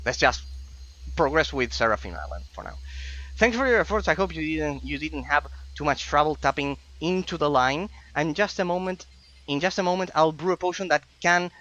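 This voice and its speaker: A man's voice: medium pitch, pushed and bright. A man from Argentina, chatting casually while streaming gameplay, rambling and effusively thankful with many restarts. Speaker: game streamer.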